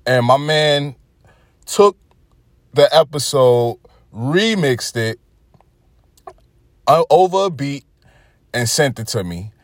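A man with a Brooklyn, New York accent talks casually to his listeners in a relaxed monologue. His voice sits at an ordinary middle pitch. The sound is dry and close, with no room around it. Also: slow pace, long pauses, no echo. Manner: laid-back, conversational, chuckling asides. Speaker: podcast host.

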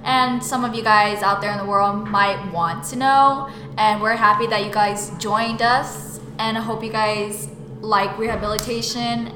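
A woman's voice: mid-range voice, steady tone, measured pace. A seventeen-year-old young woman co-hosting a student podcast and chatting casually to listeners. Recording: echoey room with faint noise.

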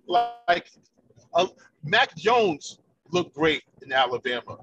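A man's voice: on the high side, big pitch swings, slow pace, a bit bright, soft background music. A man calling in over a clipped, cutting-out phone line, stammering and repeating words in a casual sports debate. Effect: clipped, cutting-out phone call line. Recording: dull remote call line, far from mic.

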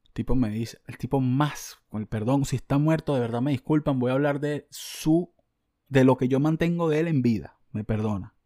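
A man with a Venezuelan accent hosting a podcast, telling a comic story in an animated, slangy, self-mocking way. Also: medium pitch, moderate pace, dry recording, clean studio sound. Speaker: podcast host.

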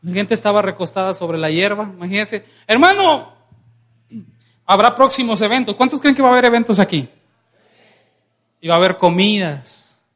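A man's voice: high-pitched, fairly quick. A young man with a Mexican Spanish accent preaching a sermon as pastor, joking and calling on the congregation to answer him. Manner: lively, joking preacher who calls for congregation responses.

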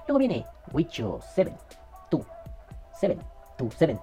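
A man's voice: a little high, wildly swooping pitch, a little slow, warm tone, soft background music. A man with a Mexican accent hosting a podcast, with crude, joking, slang-filled banter and a voice kept down. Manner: keeping his voice down. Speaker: podcast host. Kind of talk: casual podcast chat.

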